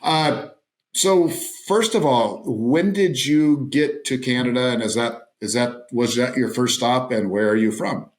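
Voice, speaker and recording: A man's voice: mid-range voice, measured pace. A man hosting a podcast interview, enthusiastic and chatty, often repeating phrases for emphasis. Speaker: podcast host. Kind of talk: casual interview chat.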